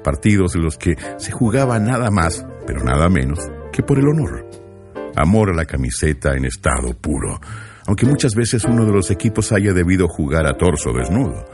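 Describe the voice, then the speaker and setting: A man's voice: low-pitched, sing-song, a little fast, over music. A man reading a scripted, reflective narration about sport. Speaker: radio show narrator.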